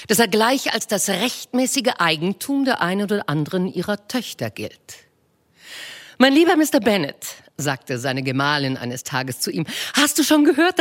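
A woman narrating a classic novel in a measured, expressive way. Her voice sits fairly low but rises and falls widely as she tells the story. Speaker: reader. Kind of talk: scripted narration.

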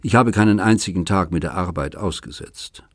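A man voices a lonely old suitor of nearly eighty, earnest and long-winded as he pleads his case in an audiobook. His voice sits low and husky. The sound is dry and close. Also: a little fast, dry recording. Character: lonely, talkative man of seventy-seven, courting. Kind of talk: audiobook reading.

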